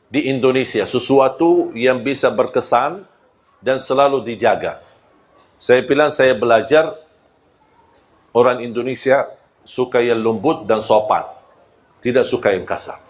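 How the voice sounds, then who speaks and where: A man giving a religious talk, telling personal stories in an animated way and often laughing. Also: mid-range voice. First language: Arabic. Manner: animated storyteller who acts out quoted voices, laughing often.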